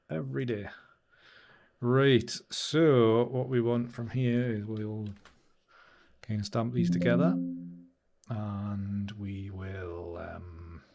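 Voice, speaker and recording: On a new studio microphone, a man with a medium-pitched, slightly mellow voice hosts a live stream. He chats casually and rambles while editing photos, often laughing and answering comments from chat.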